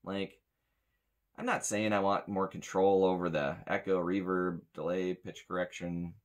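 Speaking at a measured pace in a low, level voice, this American man in his thirties rambles through a gear review as a sound tech. He's blunt and grumbly, recording from a small indoor room lined with metal shelving.

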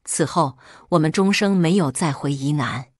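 A woman reading a first-person story as scripted narration, steady and even. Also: sits low, normal speed, slightly rough, dry recording, clean studio sound.

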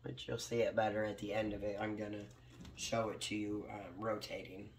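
A man with a hoarse voice from a cold, casually talking through a craft project step by step as he works. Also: fairly low pitch, level tone, moderate pace, slight background noise. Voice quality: gravelly. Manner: talks while working, moving near and far from the mic. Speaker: craft tutorial host.

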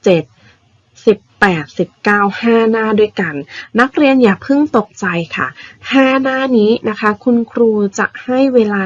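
A woman primary school teacher patiently explaining vocabulary words to young children, spelling them out slowly. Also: medium pitch, muffled recording. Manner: patient, spells words out slowly, ends phrases with polite particles.

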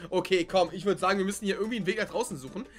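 Excitable young man, very high voice. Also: very fast, faint music behind. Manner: excitable, chatty, lots of slang fillers. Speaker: gaming video host. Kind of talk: excitable gameplay commentary.

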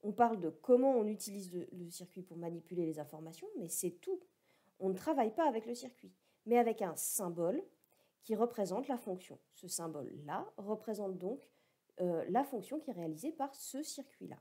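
A woman's voice: mid-range voice, expressive, brisk, warm tone, breathy edge. A woman giving a recorded lecture, explaining step by step with wry asides. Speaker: teacher.

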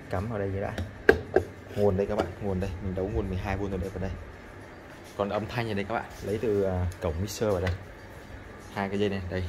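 A man's voice: low voice, noisy background. A man vlogging as he tests scrap electronics, chatting to viewers and repeating himself often. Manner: chatty, addresses viewers constantly, repeats phrases. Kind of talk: casual hands-on demonstration.

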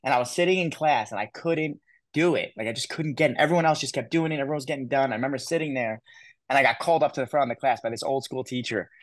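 A man in his thirties, a guest in an interview, telling his story in an animated way, restarting and quoting others. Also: mid-range voice, fast talker, dry recording. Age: 30s. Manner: animated, repeats words, quotes people in his story. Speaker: guest speaker.

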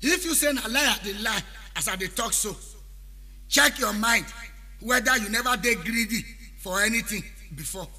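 High bright Nigerian Pidgin preacher-singer. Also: male voice, moderate pace. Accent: Nigerian Pidgin, Edo. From Benin City, Nigeria. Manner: preachy, proverb-laden, half-sung. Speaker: highlife musician. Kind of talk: spoken-word chant over music. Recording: long reverb with backing music.

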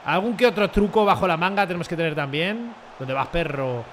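A young man commenting excitedly on his own football video game match, joking and shouting at big plays. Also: high-pitched, brisk, slight background noise. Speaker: gaming streamer.

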